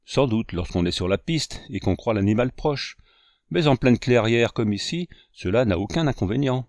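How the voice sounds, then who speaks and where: A man's voice: mid-range voice, lively intonation, moderate pace, a little mellow, no echo, natural voice. Storybook guide, stern with novices, voiced by the male narrator, dry sound. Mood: explaining.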